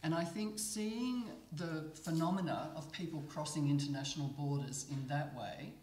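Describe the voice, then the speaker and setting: A middle-aged woman from Australia, speaking as a migration researcher on a panel, measured and thoughtful with many pauses. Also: low-pitched, darkish tone, slight background noise. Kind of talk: panel talk at a book presentation. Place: gallery room, panel at a table. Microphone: table mic on a stand. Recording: roomy gallery echo.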